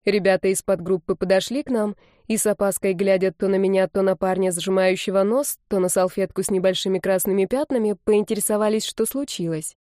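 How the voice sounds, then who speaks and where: A woman narrating an audiobook in an even, steady manner. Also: medium pitch, a little fast, few pauses, dry recording, clean studio sound.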